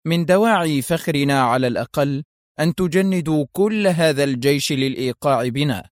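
A man's voice: medium pitch, a little fast, dark tone, dry recording, clean studio sound, lightly acted. A man voicing a defiant male secret agent in an audio story, sarcastic and fierce under pressure.

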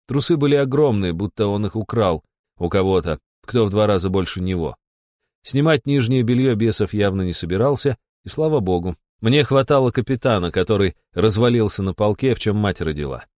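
A man narrating a first-person story with a steady, wry delivery. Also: on the low side, a little fast, no room sound, clean studio sound.

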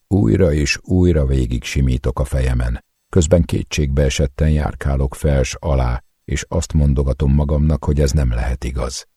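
Super deep husky guy reading an audiobook, dark and dry, intense first-person narration. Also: no echo.

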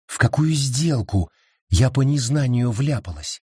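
A man voicing a frightened, desperate young settler woman who pleads and shouts. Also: medium pitch, animated, measured pace, husky, dry recording, clean studio sound. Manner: pleading, rising to frantic shouts.

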